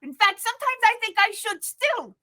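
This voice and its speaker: Woman shouting as a furious adventurer woman. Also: extremely high pitch, sing-song, normal speed, voice pushed up, full character voice. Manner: shouting accusing questions. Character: furious suspicious female adventurer, hot-tempered.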